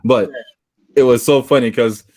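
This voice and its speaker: A man swaps stories on a casual podcast he co-hosts, full of laughter and animated retellings. His mid-range voice moves at a moderate pace, with slight background noise.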